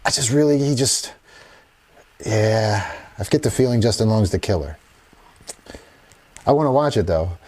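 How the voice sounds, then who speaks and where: Mellow-voiced man hosting a livestream. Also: fairly low pitch, animated, moderate pace, pauses often. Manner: laid-back, rambling, chuckling asides. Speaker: host. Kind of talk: casual livestream commentary.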